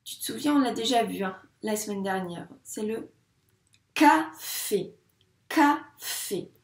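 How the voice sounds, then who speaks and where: A woman teaching a phonics lesson to young children, patient and repeating each sound slowly while asking questions. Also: mid-range voice, reverberant. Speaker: primary school teacher.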